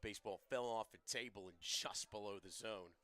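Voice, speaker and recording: Bright-voiced young man giving color commentary. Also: fairly low pitch, normal speed. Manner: relaxed analytical remarks on stats and defense. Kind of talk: live radio baseball commentary.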